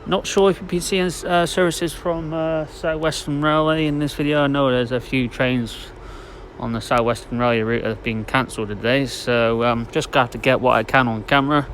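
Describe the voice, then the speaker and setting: A man hosts a trainspotting vlog in a casual, matter-of-fact way. His medium-pitched voice is informal and a bit hesitant. It is recorded outdoors on a platform, with clear station noise behind him. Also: steady tone, moderate pace, a bit bright, rough recording. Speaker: trainspotting video host. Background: station and vehicle noise.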